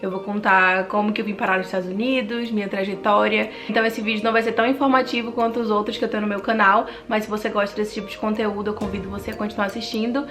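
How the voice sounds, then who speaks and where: A talkative, friendly vlogger in her twenties from Manaus tells her life story with a Brazilian Portuguese accent. Her mid-range voice moves fast with few pauses, and faint music plays behind her.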